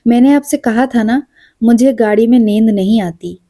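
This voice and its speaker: A woman's voice: fairly high pitch, moderate pace, warm tone, dry recording, clean studio sound. A woman voicing a fretful, self-reproaching young woman in a storybook reading, her tone plaintive. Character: anxious self-blaming young woman on train.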